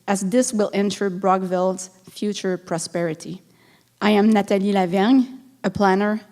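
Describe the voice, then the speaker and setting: A woman from Montreal with a Quebec French accent reads a prepared speech earnestly as a candidate at a city council debate. Her voice is mid-range and a little mellow.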